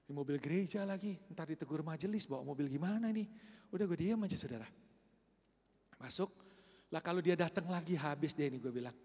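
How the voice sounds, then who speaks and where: A husky, fairly high-voiced male pastor tells a story in a lively sermon, turning often to the congregation. His voice rings through a large church hall with a long echo. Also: fast. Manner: lively, addresses congregation directly. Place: church sanctuary.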